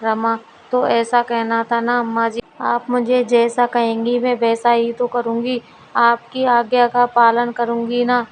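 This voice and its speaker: A woman's voice: on the high side, completely flat delivery, unhurried, a little hiss or hum, rough recording. A woman voicing a naive, literal-minded young daughter-in-law in a family storybook, speaking earnestly and obediently. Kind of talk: storybook dialogue reading.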